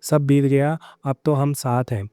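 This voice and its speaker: A man's voice: medium pitch, flat delivery, unhurried, warm tone, clean tone, no room sound, clean studio sound, lightly acted. Patient young daughter-in-law, read by a man. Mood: gentle.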